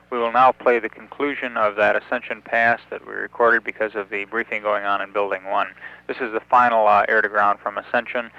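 A man giving live mission status commentary as a control announcer, procedural and sometimes halting. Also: lowish voice, pushed and bright. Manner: halting, procedural, reads out times. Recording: dull, band-limited radio-style announcement feed.

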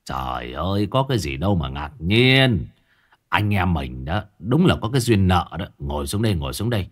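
A hearty, talkative older villager chats with his old friend in a low but lively voice, as a male storyteller puts him on. His tone swings up and down as he talks. It sounds like an audio storybook. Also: moderate pace. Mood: jovial. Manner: hearty, chatty. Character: jovial older village father, talkative and boisterous.

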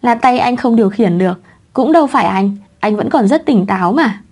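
A woman's voice: fairly high pitch, lively intonation, brisk, a little mellow, slightly rough. Woman reading as a playful clingy young husband. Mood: teasing.

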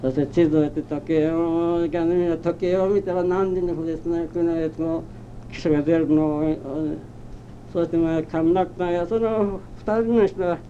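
Muffled, very mellow elderly man reminiscing. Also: on the high side, fairly even intonation. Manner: rambling, halting storytelling with old-fashioned rustic speech. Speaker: oral history interviewee. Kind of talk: reminiscing in a personal narrative. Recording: muffled, dull old tape with faint hiss. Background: faint background noise.

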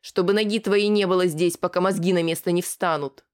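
The reader voicing a loud, furious middle-aged mother who shrieks coarse abuse in an audiobook. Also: steady tone, brisk, clean tone, close to an everyday voice. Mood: screaming abuse. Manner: shrill shouting.

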